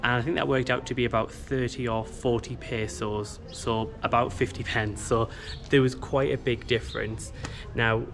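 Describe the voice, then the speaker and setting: A man's voice: medium pitch, fairly even intonation, normal speed, creaky, hardly any pauses, a bit bright, slight background noise. A man talking casually to camera as a travel vlogger.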